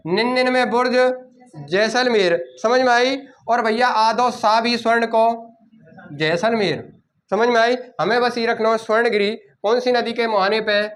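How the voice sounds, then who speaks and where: High-voiced coaching teacher. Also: male voice, fairly bright tone. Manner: repeats key words slowly for students to write. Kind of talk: classroom lecture dictating notes.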